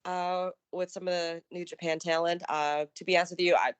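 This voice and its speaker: A woman's voice: lowish voice, flat delivery, brisk, clean tone, no room sound. A woman co-hosting a casual show, giving upbeat commentary with frequent fillers and restarts. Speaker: co-host of a wrestling news show.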